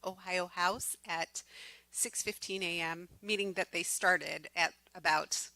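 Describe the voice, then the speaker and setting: Woman running a board meeting, talks fast w lots of ums, lowish bright voice, dry sound. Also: fairly even intonation, no echo, rough recording. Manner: fast-talking with many ums. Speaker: board president.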